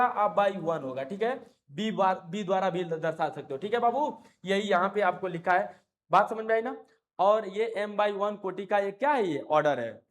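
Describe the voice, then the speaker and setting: A man teaching an online maths lecture, coaxing and repetitive, who keeps asking his students questions and calls them affectionate pet names. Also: high voice.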